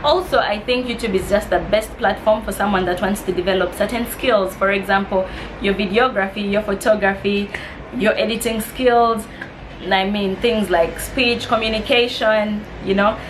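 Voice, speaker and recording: With a mid-range voice, fairly even intonation and normal speed, an East African vlogger of about twenty talks over background noise. Friendly yet slightly nervous, she works through get-to-know-me questions in a casual Q&A, reading them aloud and laughing softly.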